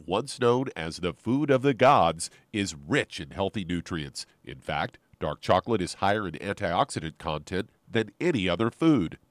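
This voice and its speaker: A man speaking as a smooth radio host and announcer, reading a scripted spot in a measured way. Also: lowish voice, no room sound. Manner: smooth, measured, slow on repeated numbers.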